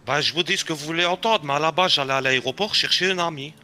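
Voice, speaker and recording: A man's voice: on the high side, quick pace, sharp tone. A man chatting in character during a game roleplay, rambling and friendly with the police. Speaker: roleplay player.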